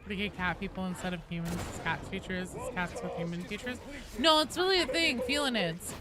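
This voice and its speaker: A woman's voice: medium pitch, a little fast, heavy background noise. A woman game streamer chatting casually and answering viewers, opinionated and enthusiastic, with casual swearing. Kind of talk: casual livestream chat reading and answering viewers.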